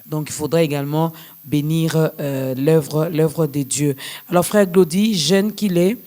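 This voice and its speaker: A man's voice: fairly high pitch, unhurried. Jovial Congolese French male host. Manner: jovial, repeats details back, animated interjections. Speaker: talk show host. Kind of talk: casual promotional chat.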